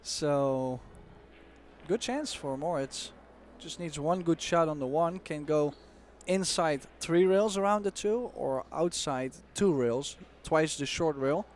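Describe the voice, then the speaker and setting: Expert male color commentator for pool, fairly high voice, measured and explanatory, faint venue hum. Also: expressive. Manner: explanatory, measured, uses fillers like "you know". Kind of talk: analytical sports commentary.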